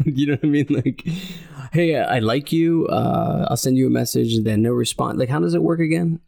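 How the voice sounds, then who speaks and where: A man's voice: mid-range voice, moderate pace, creaky, darkish tone. A man in his late thirties, a comedian guest on a podcast, rambling in casual chat with lots of "like" and "you know". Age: 30s.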